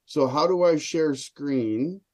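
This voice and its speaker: A middle-aged man with a fairly high pitch and darkish tone speaks slowly as a guest presenter on a video call. A hobby experimenter, he gives a casual live demonstration from an indoor room.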